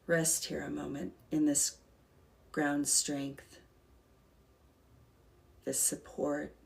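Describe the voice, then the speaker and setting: Female meditation guide for a calm grounding exercise: slow, gentle, creaky voice. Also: low voice. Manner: calm, soothing, gentle, unhurried with long pauses.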